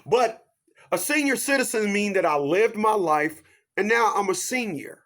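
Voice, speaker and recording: In his fifties, a man gives a preachy motivational monologue at a moderate pace with animated delivery. He asks rhetorical questions and repeats his catchphrases, swinging from loud, high bursts to hushed asides.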